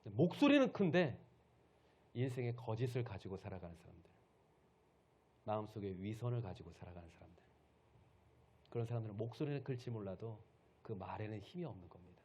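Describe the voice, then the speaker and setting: A man's voice: on the low side, quick pace, long pauses, dark tone, slight background noise. A male pastor preaching a Sunday sermon, retelling a story and putting questions to the congregation.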